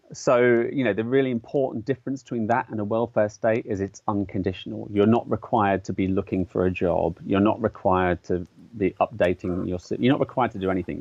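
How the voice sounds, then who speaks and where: A man with a fairly low, gravelly, darkish voice, an artist and educator from an English-speaking country, is a guest in a conversational interview. He explains ideas thoughtfully, hesitating often with fillers and restarts. There's no echo, though the audio sounds dull.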